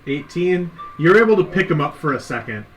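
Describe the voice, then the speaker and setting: A man's voice: on the high side, a little fast, low-quality recording. Man narrating as game master over music. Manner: calm, descriptive narration with casual fillers. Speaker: dungeon master.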